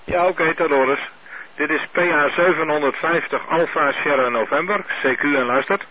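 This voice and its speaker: A man running an amateur radio net, heard over a two-way radio link, speaking in a steady, methodical way and spelling out call signs. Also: fairly high pitch, moderate pace. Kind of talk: radio net check-ins. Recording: narrow tinny radio with faint hiss.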